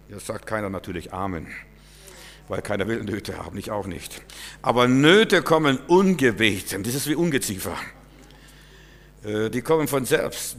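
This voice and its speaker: Man preaching in a reverberant hall. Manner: emphatic preaching, swinging between loud bursts and low asides. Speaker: pastor. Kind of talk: sermon. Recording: long reverb in a church hall.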